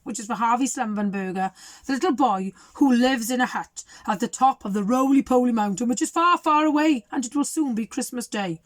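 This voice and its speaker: A woman's voice: a little high, fairly quick, dry recording, natural voice. A woman voicing a kindly, patient Father Christmas as she reads a children's storybook aloud, earnest and polite.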